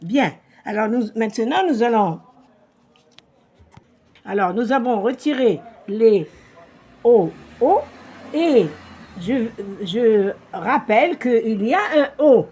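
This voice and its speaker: Patient husky-voiced woman teacher. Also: on the high side, expressive, warm tone. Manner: slow, repeats words and gives translations. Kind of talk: patient reading lesson for a child.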